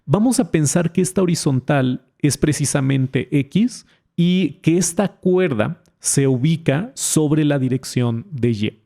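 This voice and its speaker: A man's voice: on the high side, lively intonation, slow pace, vocal fry, warm tone. A man explaining a physics lesson in a casual, chatty way, talking straight to the viewer. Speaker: physics tutor.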